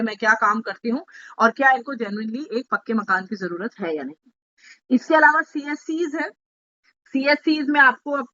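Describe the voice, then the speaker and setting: Woman explaining stuff on a video call to party members, highish bright voice, kinda muffled lo-fi sound. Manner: explanatory, asks listeners to take notes, mixes English terms. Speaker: party speaker addressing women members. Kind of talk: online meeting talk explaining a housing scheme.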